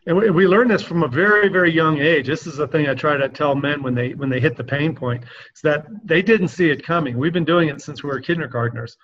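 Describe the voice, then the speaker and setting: A man's voice: fairly high pitch, brisk, fairly bright tone. A man who coaches men, talking earnestly in a casual podcast conversation. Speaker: men's coach. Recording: dull lo-fi sound.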